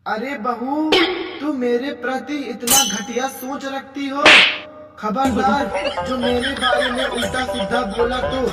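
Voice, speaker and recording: Cartoon saas, old woman, scolds slowly, voiced by one actor, very high pitch, roomy echo. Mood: scolding. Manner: scolding, slow-spoken. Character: old scolding mother-in-law, quarrelsome. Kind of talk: cartoon comedy skit. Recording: echoey, distant, loud music behind.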